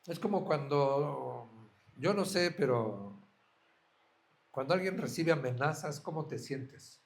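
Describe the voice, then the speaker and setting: A man's voice: fairly high pitch, animated, takes it slowly, creaky. A man preaching a sermon as a pastor, earnest, asking his listeners direct questions.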